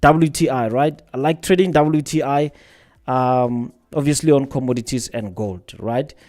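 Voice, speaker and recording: A man's voice: medium pitch, measured pace, a little mellow. Rambling male livestream host. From South Africa. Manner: rambling, repeats words, answers viewers' chat questions. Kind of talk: casual livestream chat.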